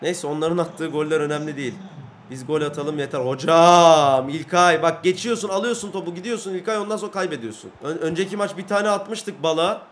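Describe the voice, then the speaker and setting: A young man commentating his own football video game match, excitable and often frustrated, yelling at goals and misses. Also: fairly high pitch, a little fast, slight background noise. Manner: excitable, yells at goals and mistakes. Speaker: gaming YouTuber. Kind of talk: gameplay commentary.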